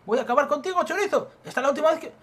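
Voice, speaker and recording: A man from Spain voicing a furious, panicking shopkeeper who yells at a thief in a shrill voice, in a video game let's play. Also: animated, racing. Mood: furious yelling. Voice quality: shrill, yelling.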